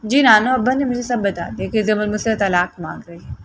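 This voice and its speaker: A woman's voice: medium pitch, a bit bright, rough recording. Lady reading out an angry young husband, harsh and clipped, plain mid voice.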